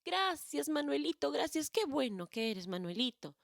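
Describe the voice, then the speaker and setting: A woman's voice: high voice, big pitch swings, normal speed, gravelly, no echo, studio quality, pitched above the performer's own voice, exaggerated voice. A Peruvian woman voicing a frightened little boy who whimpers and pleads. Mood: grateful.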